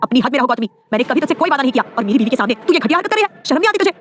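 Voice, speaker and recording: Brief: protective young husband, fierce and blunt, quick-talking, in a romance audio story, voiced by a woman narrator. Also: a little high, slight background noise, natural voice. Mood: angry. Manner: blunt and commanding, turning soft and pleading.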